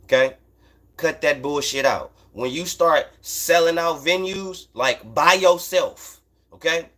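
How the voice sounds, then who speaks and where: A man's voice: on the high side, takes it slowly, bright, forceful tone. Blunt, slangy American man talking boxing. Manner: blunt, profane, emphatic slangy talk. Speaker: host of a boxing talk livestream. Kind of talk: casual unscripted sports commentary, answering chat.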